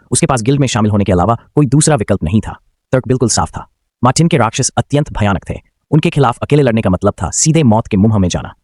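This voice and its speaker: A man's voice: mid-range voice, a little mellow, no room sound, clean studio sound. A man giving scripted narration as a comic recap storyteller.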